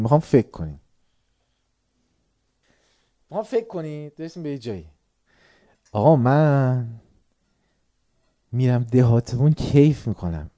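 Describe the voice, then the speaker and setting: A middle-aged man from Tehran preaching to a seated crowd, his voice mellow and warm. He drops into quiet, drawn-out musing, then flares up loudly to put a pointed question to the room. His delivery feels unhurried and conversational, like a teacher leading his listeners step by step. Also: a little high. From Tehran, Iran. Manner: questions the audience, shifts between quiet musing and sudden loud bursts. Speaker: religious lecturer. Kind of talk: sermon to a live audience.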